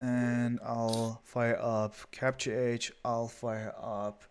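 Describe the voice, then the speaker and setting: A man's voice: medium pitch, little pitch movement, drawn-out words, slight background noise. A man casting a strategy game live, chatty and rambling with lots of fillers. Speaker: esports caster.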